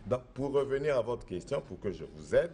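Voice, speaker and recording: This middle-aged traditional spiritual master from the Republic of the Congo has a warm, mid-range voice and speaks briskly and very animatedly. In answering interview questions, he's assertive and insistent, repeating points.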